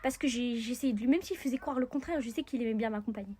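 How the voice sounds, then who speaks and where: Fast-talking woman with a husky voice. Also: fairly high pitch. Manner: animated, rambling, many restarts. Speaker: content creator. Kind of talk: storytime monologue to camera.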